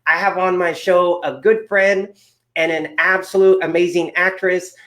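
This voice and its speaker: A man's voice: high-pitched, steady tone, unhurried, a bit bright. A man hosting an interview show, talking in an upbeat, rambling way with lots of fillers. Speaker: podcast host. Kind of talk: casual interview chat.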